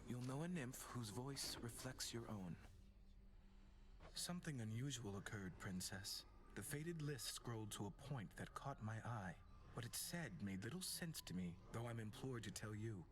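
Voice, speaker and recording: A man's voice: medium pitch, expressive, moderate pace, slight background noise, close to an everyday voice, rough recording. A man voicing a courteous, cryptic spirit seer in a video game, speaking in a formal, enigmatic way. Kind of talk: video game character acting.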